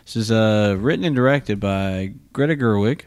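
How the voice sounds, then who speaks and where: A man's voice: fairly low pitch, animated, moderate pace, smooth, no room sound. A young man co-hosting a podcast, talking casually and joking at his own expense about movies. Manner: joking, self-deprecating, laid-back. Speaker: podcast co-host. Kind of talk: casual film review chat.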